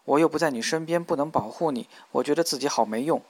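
A man voicing a tender, protective young man in an audiobook, speaking low and earnestly. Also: fast talker, a little mellow, dry recording, lightly acted.

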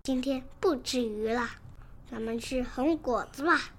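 A woman voicing a big male Tyrannosaurus who is gruff but growing kind, talking slowly and hesitantly. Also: high-pitched, fairly bright tone, exaggerated voice. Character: big gruff male T. rex softening to kindness.

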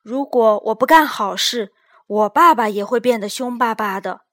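A woman voicing a lively, emphatic young child friend in a children's story. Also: on the high side, normal speed, lightly acted.

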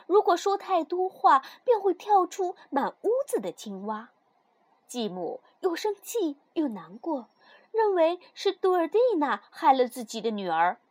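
A woman tells a fairy tale in a high, lively voice that rises and falls expressively. She reads slowly, and the recording is dry and close, with no room sound. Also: dry recording. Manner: expressive, slow storytelling. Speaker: storyteller. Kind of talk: scripted fairy-tale narration.

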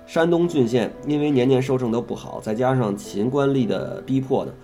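Mellow-voiced man reading history aloud. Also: mid-range voice, fairly quick, soft background music. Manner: reads steadily, then breaks off to ask questions and comment. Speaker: reader and explainer of a classical history text. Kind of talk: reading a classical text aloud and chatting about it.

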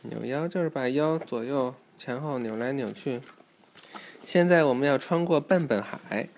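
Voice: medium pitch, normal speed, a little hiss or hum. Parent storyteller, read-aloud for a young child, instructive and inviting answers. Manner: instructive, asks the listener questions.

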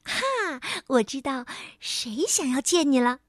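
A tiny cheeky fairy with a high, teasing, chirpy voice, as a woman storyteller puts it on. The voice leaps about playfully and sounds close and dry. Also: very animated, takes it slowly, dry recording, full character voice.

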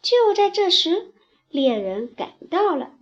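A woman with a high voice reads a bedtime story as if to a toddler, expressive and simple in her wording. She takes her time with each phrase. The recording is a little dull and lo-fi. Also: takes it slowly. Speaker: children's bedtime storyteller, teacher. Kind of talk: reading a bedtime story to young children.

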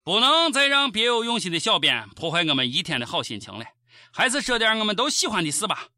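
With a Shaanxi accent, a woman hosts a comic radio show in dialect, giving scripted commentary in a cheeky, theatrical, exclamatory style. Her medium-pitched voice is bright and forceful, very animated and quick. The recording is dry, with faint music behind her.

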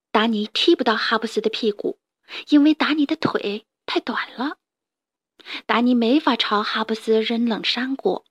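A woman narrating a children's bedtime story in a gentle, expressive reading voice, pitched fairly high. The recording is dry and close, with no room sound. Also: no echo.

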